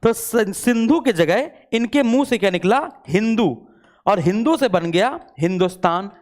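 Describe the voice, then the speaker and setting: Leading an online exam-prep class, this male teacher speaks at normal speed in a high voice with lively intonation. He works through repetitive call-and-response questions, says each point more than once, and drops English words into his talk.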